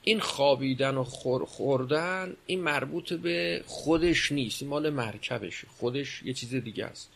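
A man's voice: medium pitch, creaky, hardly any pauses, fairly bright tone. A man giving a religious lecture, explaining and posing rhetorical questions. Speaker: religious speaker.

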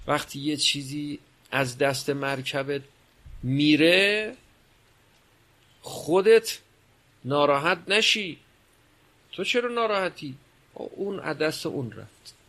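A man's voice: on the high side, long pauses, fairly bright tone. A man giving a religious lecture, explaining and posing rhetorical questions. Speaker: religious speaker.

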